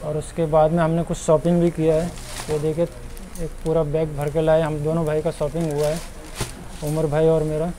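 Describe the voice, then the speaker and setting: A man's voice: a little high, completely flat delivery, moderate pace, mellow, slight background noise, poor audio. A young man vlogging a walking tour of a market, chatting and pointing things out to viewers, recorded on a lapel mic outdoors and in shops. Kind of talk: casual walking-tour vlog. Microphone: clip-on lapel mic.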